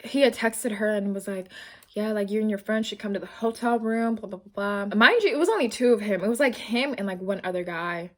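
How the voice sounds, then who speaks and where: A young woman vlogger telling a casual storytime, animated and rambling, with lots of slang and swearing. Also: mid-range voice, brisk. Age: young adult.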